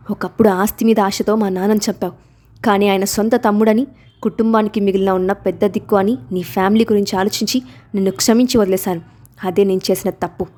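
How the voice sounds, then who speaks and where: A woman's voice: mid-range voice, mellow, natural voice. A woman voicing a cold, vengeful young man in a storybook reading, speaking sternly. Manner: stern, accusing.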